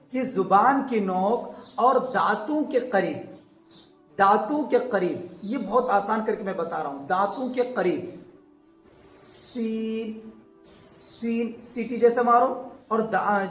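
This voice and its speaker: A man teaching Quran recitation. He gives quick explanations, then draws out each letter sound slowly, and often checks that the listener is following. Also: high voice. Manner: slow drawn-out letter demonstrations between quick explanations. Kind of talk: pronunciation lesson. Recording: echoey room, faint background noise.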